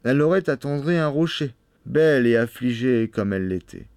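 A man narrating a fairy tale for children in an expressive storybook reading. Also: mid-range voice, normal speed, clean tone, no echo. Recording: dry studio sound.

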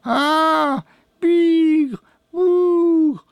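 A man's voice: very high-pitched, creaky, no room sound, pitched above the performer's own voice, heavily acted. A man voicing a sly, limping old witch woman with a sugary, wheedling manner in a storybook reading. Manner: honeyed, wheedling, drawn-out moans. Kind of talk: storybook read-aloud.

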